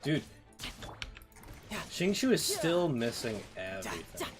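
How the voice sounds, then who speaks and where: Muttering through casual gameplay commentary, this streamer speaks slowly in a medium-pitched voice that swoops wildly up and down over background music. Keyboard typing, mouse clicks, and other background noise come through his noisy mic.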